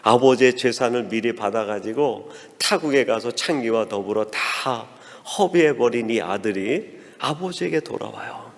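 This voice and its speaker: A man preaching a sermon as pastor, telling a story and acting out quoted dialogue in a softer voice. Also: mid-range voice, vocal fry. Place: church sanctuary. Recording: long reverb of a church hall.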